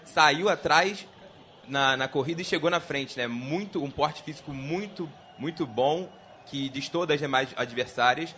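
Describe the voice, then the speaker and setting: A man's voice: on the high side, unhurried, sharp tone, slight background noise. A Brazilian man giving live analysis of a football match as a pundit.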